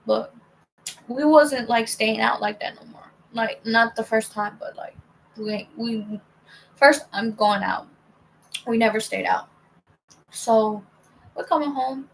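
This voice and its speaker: A woman's voice: a little high, slow pace, vocal fry, long pauses, a little hiss or hum, low-quality recording. A young woman casually telling a personal story on a vlog, heated and profane, rambling with lots of fillers and restarts.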